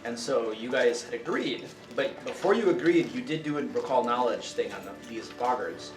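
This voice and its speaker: A man's voice: mid-range voice, animated, moderate pace, soft background music. A man runs a tabletop game, laying out the scene in an explanatory way. His mid-range voice is picked up from a distance in a roomy space with faint noise behind. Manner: explanatory, often checking with listeners. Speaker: game master. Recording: echoey room, distant mic, faint noise.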